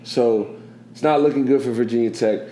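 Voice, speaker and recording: A man's voice: medium pitch, normal speed, dark tone. A man hosting a casual sports podcast, talking in a rambling, chatty way and often asking "you know what I'm saying.". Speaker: podcast host. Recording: echoey room, faint background noise.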